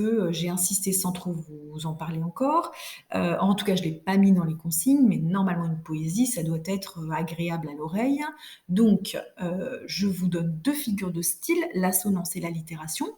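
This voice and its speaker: Low, mellow-voiced woman teaching a class. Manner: explains step by step, checks in with the class. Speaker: French teacher. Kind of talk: recorded class lesson.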